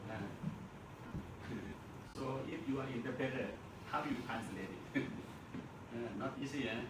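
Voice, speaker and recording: A man with a Burmese accent teaching an English class, speaking slowly, repeating words and chuckling often. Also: medium pitch. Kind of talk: classroom lecture. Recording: echoey classroom, mic far off, noisy.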